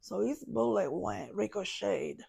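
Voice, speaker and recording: Gravelly-voiced woman telling her story slowly. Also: medium pitch, lively intonation, warm tone. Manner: halting, restarts, searching for words. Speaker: podcast guest. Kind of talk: personal story told in an interview.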